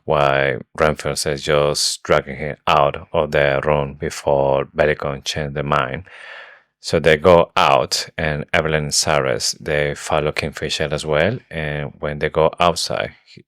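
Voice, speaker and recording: A man's voice: extremely low pitch, fairly bright tone, no room sound, studio quality. A man co-hosting a podcast, casually recapping book chapters with a hesitant, filler-heavy way of talking. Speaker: podcast co-host.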